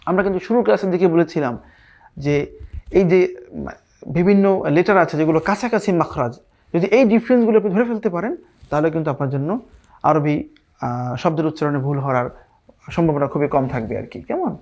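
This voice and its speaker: A man leads a recitation lesson with a patient, repeating way of teaching. He chants each verse slowly and stretches it out, then drops back into plain explanation and asks the listeners whether they follow. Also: fairly high pitch, darkish tone. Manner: drawn-out Arabic recitation between plain explanations.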